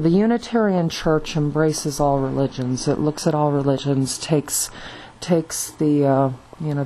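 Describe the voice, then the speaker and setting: A woman's voice: very deep voice, warm tone, low-quality recording. A woman vlogging alone in a rambling monologue with lots of fillers and restarts, still in her morning voice. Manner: halting, many fillers and restarts. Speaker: video blogger.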